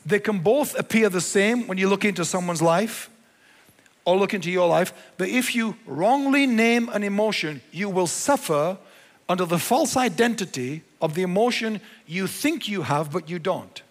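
A man's voice: high-pitched, animated, moderate pace, big-room sound. A male pastor preaching a sermon, emphatic and repeating his key phrases.

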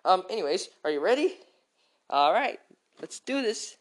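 A woman's voice: sing-song, normal speed. A woman voicing a brash boy who thinks he is cool, speaking through a voice changer that drags her voice far down. She rambles and bosses others around, with plenty of fillers. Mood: smug. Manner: bossy, rambling, full of fillers. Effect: voice changer pitching the voice far down. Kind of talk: playful home skit.

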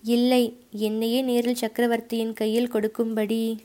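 A woman's voice: a little high, monotone, normal speed, mellow, natural voice. A woman voicing a bold but polite young male warrior messenger in an audiobook, speaking humbly and respectfully. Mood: firm. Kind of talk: audiobook character voice.

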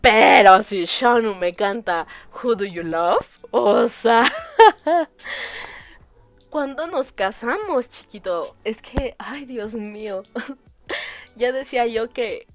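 A woman's voice: fairly high pitch, slow pace. A young woman with a Mexican Spanish accent, hosting a podcast in a giggly, gushing casual chat. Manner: gushing and giggly, with frequent laughs. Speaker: podcast host.

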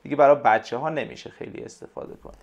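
A man with a gravelly, creaky voice at a middle pitch talks as a guest in a relaxed interview. He is a tutor explaining his work, and he gropes for words with frequent pauses and fillers. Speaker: language tutor, podcast guest. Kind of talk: casual conversational interview.

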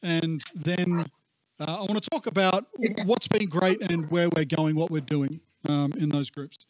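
Muffled, underwater-sounding man, high-pitched pastor. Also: fairly even intonation, measured pace, dry recording. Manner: conversational, discursive. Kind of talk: informal church talk.

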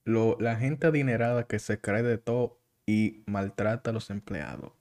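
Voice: medium pitch, steady tone, moderate pace, darkish tone. A host, chatting casually and bringing up topics. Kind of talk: casual chat.

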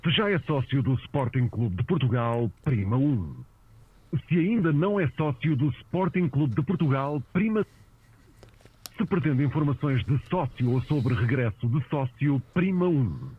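Man, automated phone menu, lively delivery, phone-line sound. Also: mid-range voice, husky. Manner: measured, announcer-like.

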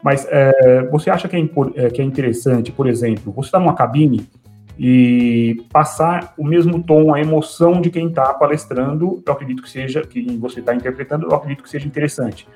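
A man's voice: mid-range voice, fairly quick, a little mellow, faint music behind. A man with a Brazilian Portuguese accent hosting a casual interview, asking long questions with many restarts. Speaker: interview host.

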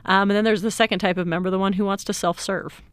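A woman in her thirties speaks as an interview guest, explaining things at length in a cheerful, easygoing way. Her voice is smooth and clear. The recording is close and dry, with no room sound. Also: mid-range voice, fairly even intonation, quick pace, no room sound. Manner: upbeat, laughs easily, explains at length. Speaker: guest, IT director. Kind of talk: casual interview conversation.

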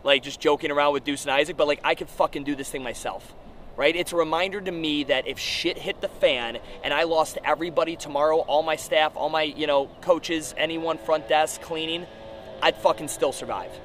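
A man's voice: fairly high pitch, fairly even intonation, a little fast, a bit bright. A man giving a blunt, profane, casual podcast monologue as a gym owner, speaking outdoors on a rooftop. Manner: profane, blunt, informal coaching talk. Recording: outdoor urban noise with traffic.

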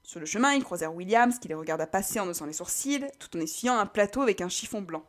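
A woman's voice: medium pitch, lively intonation, fast talker. A woman reading a story aloud as narrator. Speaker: reader.

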